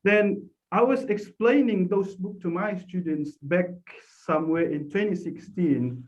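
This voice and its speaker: A man in his thirties with an Indonesian accent, giving an informal academic talk as a lecturer, explaining and often checking with listeners. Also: high voice. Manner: explanatory, often checks with listeners using short tag questions. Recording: dull lo-fi audio.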